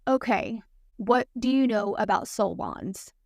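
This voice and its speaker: A woman's voice: medium pitch, a little slow, creaky, no room sound, clean studio sound. A woman voicing a giddy, chatty young witch who talks through a grin. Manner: grinning, chatty.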